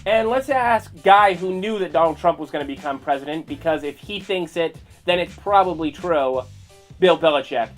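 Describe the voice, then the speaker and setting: A man hosting a comedy commentary show, mocking and sarcastic, with quick animated asides. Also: a little high, faint music behind.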